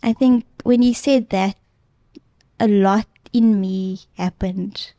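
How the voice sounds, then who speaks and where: A woman's voice: mid-range voice, steady tone, slow pace, mellow, no room sound. A young woman guest earnestly retelling a personal story in casual chat, with plenty of filler ums. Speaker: podcast guest.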